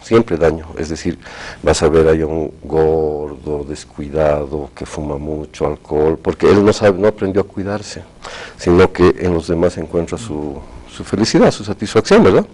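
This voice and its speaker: A man speaking as a hypnotherapy guest on a talk show, explaining in a measured, clinical way with technical terms. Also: very deep voice, dark tone, poor audio.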